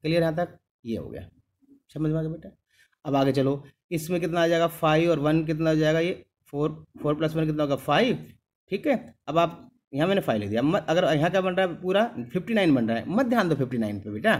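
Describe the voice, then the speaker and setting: A middle-aged man teaches maths in a patient, repeating way, checking often that his students follow. His voice sits a little high and swings widely in pitch, rising and falling from phrase to phrase. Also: lively intonation, fairly quick. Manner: calls the students "beta", keeps asking "clear?"; patient, repeats each step. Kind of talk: classroom lesson.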